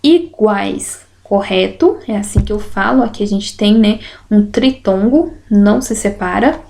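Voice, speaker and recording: A woman teacher with a slow, didactic way of talking, going through exercises in a lesson and stretching out syllables to make her points. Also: mid-range voice, lively intonation, vocal fry, warm tone. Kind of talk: explanatory lesson, correcting exercises.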